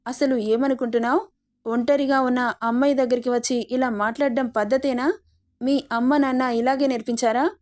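A woman's voice: high voice, fairly even intonation, normal speed, a little mellow, close to an everyday voice. A woman voicing a defiant young woman student who scolds indignantly. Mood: angry.

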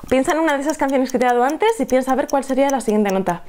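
A woman from leads a singing lesson to camera. Her voice sits a little high, and she explains things in a chatty way, checking in with the viewer as she goes. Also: rapid-fire, darkish tone. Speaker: singing teacher. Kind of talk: tutorial to camera.

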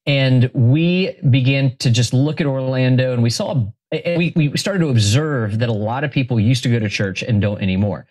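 A man from Florida, a pastor and author, talking as a guest in a casual interview and telling stories with quick asides. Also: mid-range voice. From Florida, USA. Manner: animated storyteller, quick asides, self-correcting.

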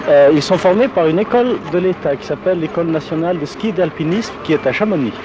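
A man's voice: fairly high pitch, expressive, fast talker. A man who directs a ski school, answering interview questions in a plain, factual, slightly hesitant way. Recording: dull, noisy outdoor archive recording.

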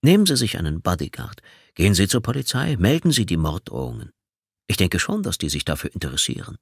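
A cold male killer taunts his victim down a phone line, unhurried and sneering, as a male narrator puts him on. The voice sits deep and low, recorded close and dry with no room around it. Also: creaky, a bit bright, slightly rough, no room sound, full character voice.

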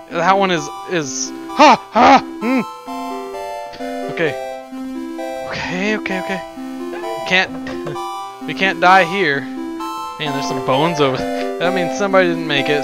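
A man's voice: sits high, slow, long pauses, loud music behind the voice. A young man from Texas nervously commenting on a horror game, talking to himself and yelping when startled. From Texas, USA. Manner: jittery, talks to himself, yelps and sing-songs when scared. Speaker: gaming YouTuber.

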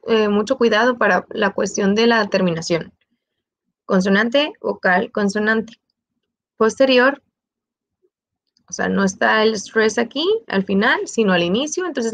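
A woman with a Mexican Spanish accent giving a bilingual grammar lesson, explaining slowly, repeating her examples and checking in with "ok?". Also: on the high side, gravelly, poor audio. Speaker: English teacher.

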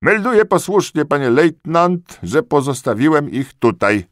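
A flustered corporal who blurts out his reports in a strained, high, loud voice. The recording is dry and close. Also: big pitch swings, unhurried, no room sound. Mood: servile. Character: servile flustered army corporal, male. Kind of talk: audiobook character voice.

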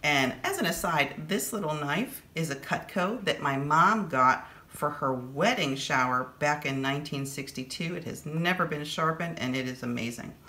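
Low-voiced chatty woman in echoey kitchen. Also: expressive, normal speed, hardly any pauses, pushed and bright. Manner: chatty, enthusiastic about food, tasting on camera. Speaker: channel host. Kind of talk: casual cooking demonstration. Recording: echoey room with faint noise.

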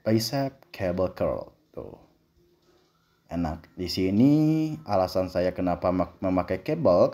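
A man's voice: deep voice, mellow. A young man chatting casually through his workout as a fitness vlogger, explaining while he lifts and dropping in loose English phrases, recorded by a camera set up across a large indoor gym. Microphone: camera on a stand at a distance.

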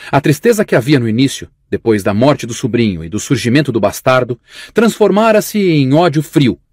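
Man, audiobook narrator, husky voice, animated pitch, expressive storytelling, dry close recording. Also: dry recording. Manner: expressive storytelling with varied intonation.

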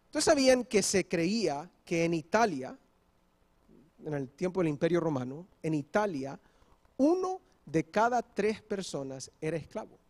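A man's voice: high voice, very animated, a little slow, a little mellow. A male pastor preaching a sermon, explaining step by step and often checking in with the congregation. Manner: switches briefly into English. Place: church.

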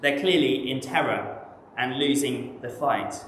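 A man with an English accent preaching a sermon in a measured, reflective way, often posing rhetorical questions. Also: mid-range voice, fairly bright tone, echoey room, slight background noise, rough recording. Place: church.

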